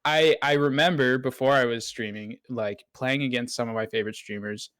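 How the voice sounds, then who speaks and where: A man who streams games talks openly about his habits, reflective and unhurried, with frequent fillers. His voice sits at an ordinary pitch. The recording is dry with no room sound. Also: fairly even intonation, fairly bright tone, dry recording. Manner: reflective, candid, with fillers and restarts. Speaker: streamer and guest. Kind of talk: casual interview chat.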